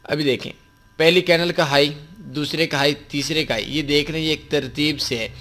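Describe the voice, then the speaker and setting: A man's voice: on the high side, fairly even intonation, bright, forceful tone. A man teaching a forex tutorial, explaining a chart step by step with patient repetition and mixed in. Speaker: forex trading instructor. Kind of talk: screen-recorded tutorial explanation.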